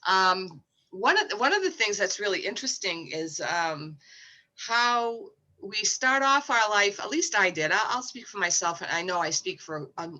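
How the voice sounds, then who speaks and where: A woman's voice: medium pitch, expressive, normal speed, sharp tone, low-quality recording. A woman in her sixties co-hosting a casual chat, frank and reflective, with spiritual turns of phrase. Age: 60s. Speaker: co-host.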